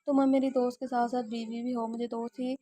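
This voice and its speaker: A woman's voice: on the high side, level tone, mellow, natural voice. A woman reading the part of a bossy, playfully teasing young husband.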